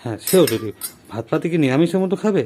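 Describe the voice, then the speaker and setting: Gently coaxing father, faint hiss. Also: a little high, animated, racing. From Bengal. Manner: coaxing, gently lecturing a child. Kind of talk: scripted family drama vlog.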